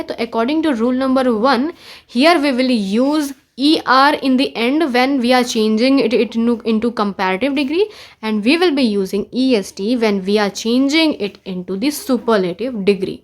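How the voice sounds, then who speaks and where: A woman teaching English grammar for exam prep in Hindi and English with an Indian accent. She spells words out letter by letter and keeps checking in with "ठीक है". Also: a little high.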